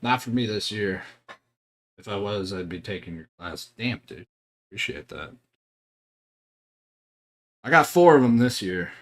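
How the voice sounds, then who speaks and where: A man's voice: lowish voice, lively intonation, unhurried, pauses often. A young man streaming while he paints, telling stories in a laid-back way with swearing and chuckles. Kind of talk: casual chat while hobby painting.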